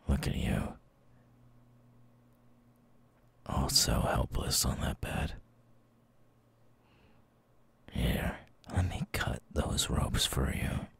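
A menacing eyeless creature of the night, acted out by a man for an ASMR audio roleplay. He speaks in an extremely low, gravelly whisper, slowly and deliberately, taunting the listener with a sinister fondness. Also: full character voice. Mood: darkly fond. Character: menacing eyeless male night creature, sadistically fond and teasing.

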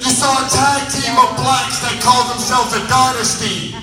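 A young man giving a boastful, taunting wrestling promo in a shouted delivery. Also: very high voice, little pitch movement, normal speed. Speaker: professional wrestler. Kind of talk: wrestling promo to a live crowd. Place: large auditorium with stage and wrestling ring, indoors. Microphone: handheld mic over PA, captured by distant audience camera. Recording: echoey hall PA, recorded from far off. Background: crowd noise, music.

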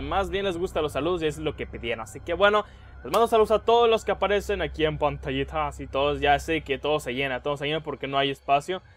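A young man giving excitable let's play commentary, yelping and squealing when scared. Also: fairly high pitch. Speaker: gaming YouTuber.

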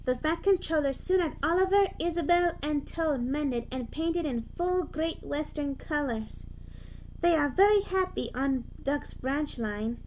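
High-voiced woman reading a story slowly. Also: a little mellow, a little hiss or hum. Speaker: storybook reader.

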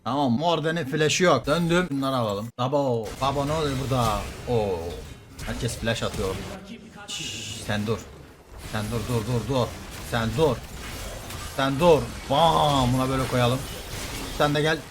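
A man streaming a game live, commenting excitedly, trash-talking opponents and calling out to his viewers. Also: mid-range voice, a little slow, noisy background. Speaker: gaming streamer.

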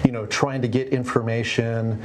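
A middle-aged man, a family doctor, guesting on a TV studio segment and explaining calmly with many "you know"s, on a lapel mic. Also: medium pitch, moderate pace, crowd noise. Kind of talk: TV guest interview. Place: TV studio set.

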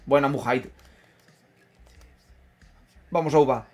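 A man with an Asturian Spanish accent casually commentating his football video game. He swears freely, repeats himself and reacts loudly to every play. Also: mid-range voice, fairly even intonation, takes it slowly. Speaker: gaming streamer.

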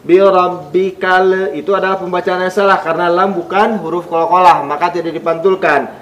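A man teaching Quran recitation rules, drilling each syllable slowly and deliberately with an Indonesian accent. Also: high voice, little pitch movement, a bit bright. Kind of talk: tajweed lesson, explaining and modelling recitation.

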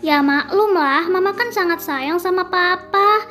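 A woman's voice: very high-pitched, unhurried, pushed and bright, faint music behind, heavily acted. A woman voicing an emotional young mother in a game role-play story, prone to jealous, sobbing accusations. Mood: apologetic.

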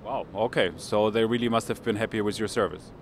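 Brief: man, 40s, German accent, street reporter with a handheld mic, halting English, faint street noise behind. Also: fairly low pitch. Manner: hesitant, many ums and uhs in English. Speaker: finance correspondent and interviewer. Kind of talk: street interview, report to camera. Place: outdoors on a city street. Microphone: handheld microphone.

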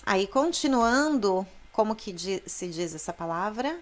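A woman's voice: medium pitch, lively intonation, a little slow. A woman from Brazil teaching an Italian pronunciation lesson, explaining patiently and sounding out Italian words aloud. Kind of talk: language lesson.

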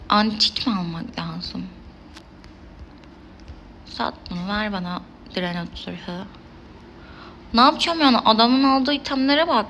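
A woman's voice: medium pitch, fairly bright tone, a little hiss or hum. A young woman streaming a mobile game, chatting casually and exclaiming and laughing at the action. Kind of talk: casual gameplay commentary.

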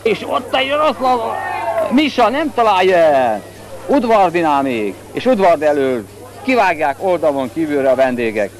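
A man giving excited football commentary, bursting into shouts as chances come. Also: fairly high pitch, poor audio. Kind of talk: excited Hungarian sports commentary. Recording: amateur 1990s video, crowd noise. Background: crowd.

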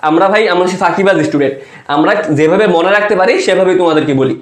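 A man's voice: high voice, roomy sound. A male teacher giving an online class lecture, casually quizzing students and repeating each term several times. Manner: repeats key terms, quizzes students with quick questions; casual, calls students "bhaiya".

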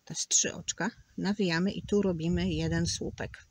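A woman's voice: lowish voice, fairly even intonation, normal speed, slightly rough, no room sound. A woman teaching a crochet tutorial, patiently counting stitches aloud and sometimes dropping to a near whisper. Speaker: crochet instructor.

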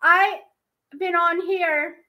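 Woman, angry swearing stream rant, very high bright voice. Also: fairly even intonation, drawn-out words. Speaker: streamer in a played clip.

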